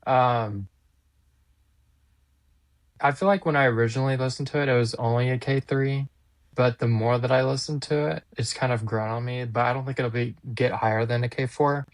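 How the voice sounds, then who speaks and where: Male co-host, middle pitch, easygoing and hesitant. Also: moderate pace, no room sound. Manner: relaxed, laughs easily, hesitant fillers. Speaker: podcast co-host. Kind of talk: casual chat reviewing songs.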